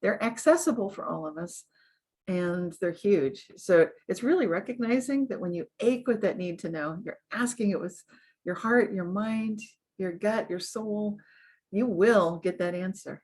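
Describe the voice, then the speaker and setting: A woman with a slightly husky voice speaks as an interview guest. She talks in an earnest, upbeat way, laughing easily and warming up as she offers advice. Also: medium pitch, moderate pace. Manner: earnest, upbeat, laughs often, animated when giving advice. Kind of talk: conversational interview.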